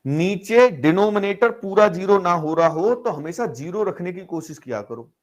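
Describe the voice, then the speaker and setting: A maths teacher with a high-pitched, lively voice runs an online algebra class at a normal speed, working through problems step by step. He coaxes his students, keeps calling them brother, poses rhetorical questions and urges them to reply.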